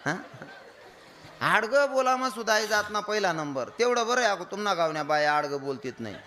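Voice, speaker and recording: Lively preacher man, bright voice. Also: high voice, brisk. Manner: storytelling with mimicked wailing voices. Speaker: kirtan preacher. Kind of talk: comic devotional sermon.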